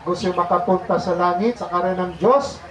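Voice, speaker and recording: A man's voice: high voice, fairly even intonation, brisk, reverberant, crowd noise, poor audio. A man, a priest, giving a homily to a congregation in a conversational way, asking them questions and slipping in English phrases.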